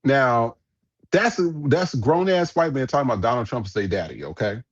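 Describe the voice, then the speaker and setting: A man hosting a casual podcast, reacting bluntly and profanely to viral clips in a rambling way. His voice sits at a middle pitch and sounds close and dry. The recording is a little dull and lo-fi. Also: lively intonation, brisk, dry recording. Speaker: podcast host.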